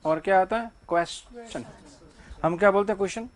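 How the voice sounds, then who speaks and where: A man's voice: sits high, a little fast. A man teaching English grammar to a class. He keeps asking the students questions and then answers them himself.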